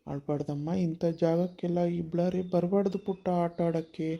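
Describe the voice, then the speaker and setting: A man's voice: fairly high pitch, fairly even intonation, moderate pace, gravelly, dull audio. A man voicing a protective, childless uncle in a cartoon, scolding strangers and coaxing children. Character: kind childless uncle, protective, warm-hearted. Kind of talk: cartoon voice acting.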